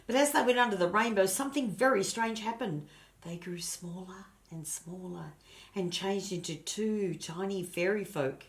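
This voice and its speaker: An older woman reads a children's storybook aloud in an expressive, grandmotherly way, speaking directly to her listeners. Her voice is medium-pitched and her speed normal.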